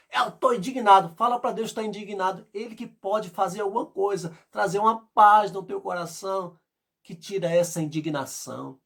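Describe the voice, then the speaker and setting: A man preaching as pastor, fervent and pleading, with loud bursts and soft passages. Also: sits high. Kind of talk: sermon.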